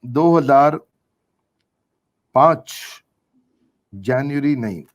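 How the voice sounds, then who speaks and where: A man's voice: medium pitch, animated, very slow, lo-fi sound. A middle-aged man answering interview questions in an earnest, emphatic way, repeating key phrases for effect. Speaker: business coach being interviewed.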